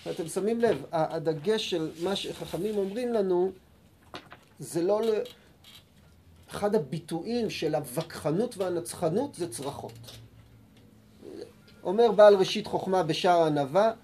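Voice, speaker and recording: A man giving a Torah lesson, who reads sources slowly and calmly and acts out heated arguments in sudden loud bursts. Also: high voice, slight background noise. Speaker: Torah teacher.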